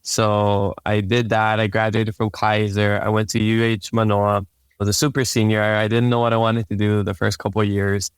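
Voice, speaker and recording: A young man from Hawaii, whose first language is Hawaiian, casually shares his life story as a podcast guest. His lowish voice is smooth and moves at a normal speed on a dry recording, and he's laid-back and relaxed, often repeating words as he starts sentences.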